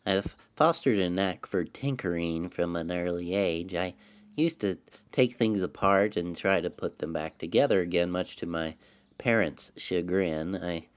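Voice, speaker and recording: A man playing Cowboy, a deep earnest inventor. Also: a little slow. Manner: earnest, precise, a bit stiff. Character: earnest self-taught male inventor sidekick.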